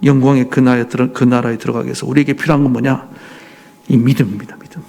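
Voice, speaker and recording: A man's voice: medium pitch, level tone, quick pace, creaky, warm tone. A male pastor preaching a sermon emphatically, pressing the congregation with rhetorical questions.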